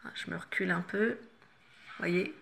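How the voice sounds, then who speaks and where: Woman makeup vlogger, chatty and loose, bright forward tone, lots of fillers and restarts. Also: lowish voice, unhurried, gravelly. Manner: chatty, many fillers and self-corrections. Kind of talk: casual makeup tutorial chat. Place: home, no studio lighting.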